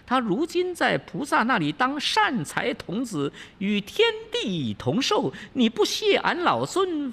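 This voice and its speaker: 孙悟空, a storyteller's high brash monkey. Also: gravelly, a bit bright, husky, heavily acted. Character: cocky Monkey King, brash and fast-talking. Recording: long hall reverb, faint ambience.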